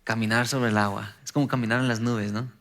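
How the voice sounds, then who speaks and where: A man's voice: mid-range voice, fairly even intonation, brisk, a bit bright. A man preaching a sermon as pastor, building to emphatic bursts and acting out quoted prayers.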